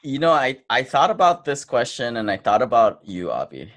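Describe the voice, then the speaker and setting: A podcast host in his thirties, a bit tipsy from beer, chats casually in a laid-back way, filling his speech with lots of "you know"s. His mid-range voice is sing-song and a bit bright, at a moderate pace, in clean studio sound with no echo.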